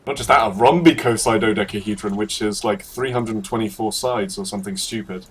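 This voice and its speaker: An esports caster commentates a video game match casually, joking and laughing with his co-caster. He speaks a little fast in a lowish voice, and the audio has a slight hiss or hum.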